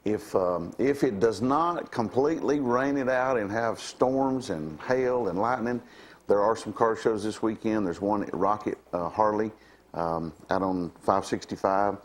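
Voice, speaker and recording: A man hosting a casual morning show, rambling along with lots of fillers. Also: lowish voice. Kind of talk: casual chat.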